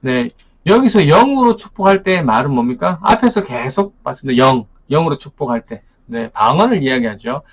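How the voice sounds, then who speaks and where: A man's voice: on the high side, sing-song, a little fast. A man teaching as a pastor, explaining Bible verses in a daily study, asking rhetorical questions and often saying "ne".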